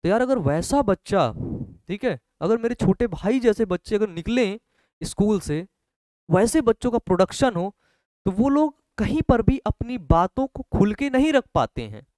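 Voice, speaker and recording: A man's voice: sits high, big pitch swings, normal speed, darkish tone, no echo, studio quality. A young male teacher giving a motivational talk to his students in a conversational way, checking in often with short questions.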